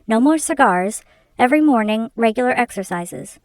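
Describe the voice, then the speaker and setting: A woman's voice: fairly high pitch, lively intonation, moderate pace, no room sound. A woman reading aloud, voicing a bold young man who lectures and commands his elderly employer. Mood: lecturing.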